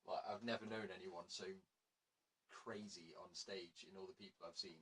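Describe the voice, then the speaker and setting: A man's voice: deep voice, steady tone, moderate pace, fairly bright tone, a little hiss or hum. A man hosting a casual show, chatty and laughing, often correcting himself. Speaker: radio show host. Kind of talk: casual chat.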